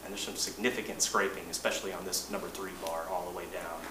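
An engineering manager with a somewhat low, steady voice gives a board a technical update in a boardroom meeting, speaking in a measured, plain way and often restarting phrases. The mic sits at a distance in an echoing, noisy meeting room, so background noise is clearly audible.

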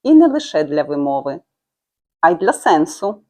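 A woman giving a short, calm language lesson, explaining clearly with examples. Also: sits low, normal speed. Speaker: Italian language teacher.

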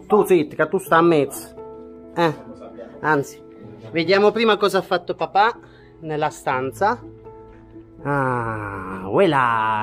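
Guy in his 30s vlogging from his farm on an action cam, excited and chatty, kinda high voice, bit of music playing low. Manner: enthusiastic, chatty, addresses viewers as "raga". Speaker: vlogger farming in the countryside. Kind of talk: casual vlog talk to camera. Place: outdoors on a farm plot and in a small rural room. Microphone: wide-angle action camera held or worn.

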